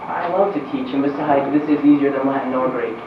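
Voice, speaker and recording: A man playing a gentle, lovestruck young suitor in a period drama, polite, hesitant and pleading. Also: mid-range voice, brisk, lightly acted. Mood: tender, pleading. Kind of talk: stage-style period drama acting. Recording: echoey distant muffled recording, clear noise.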